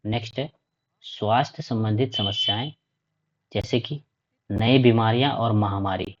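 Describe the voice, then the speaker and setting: Unhurried and lowish in voice, a man teaches a lesson by reading points aloud and explaining them. He repeats 'ठीक है' ("okay") often to check in, and the lecture is captured in dull lo-fi audio.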